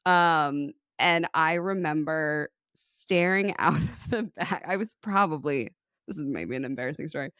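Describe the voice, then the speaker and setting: A woman co-hosting a podcast in casual conversation, an animated storyteller who laughs often. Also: sits low, unhurried, clear, resonant tone, dry recording, studio quality. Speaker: podcast co-host.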